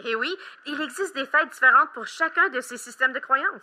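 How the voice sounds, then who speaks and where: A woman with a strikingly bright, forward voice explains simple ideas to children. She speaks patiently, a little high, stopping for small hesitations while she checks her facts. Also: moderate pace. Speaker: children's show expert guest.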